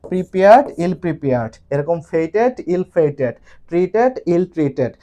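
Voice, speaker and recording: A male English teacher lectures his class, rattling off word pairs in quick lists and checking in with students often. His voice sits on the high side and sounds a little mellow.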